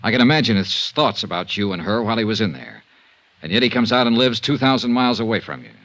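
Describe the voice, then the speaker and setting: Playing the same blunt, weary insurance investigator, the actor both narrates and performs scenes in a pressing, frank manner. His voice sits on the low side, fast, expressive and a bit bright, captured in a dull, band-limited 1950s radio recording.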